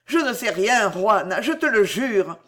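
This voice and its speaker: A reader voicing a small, devoted young man in an audiobook, who speaks softly and simply. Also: medium pitch, very animated, a little slow. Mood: tender. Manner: soft, tender, simple. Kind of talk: audiobook character voice.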